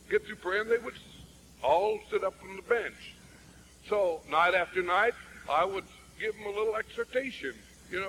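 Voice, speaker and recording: A man's voice: on the high side, fairly bright tone, a little hiss or hum, rough recording. A man, a traveling evangelist, telling a folksy, humorous story in a sermon.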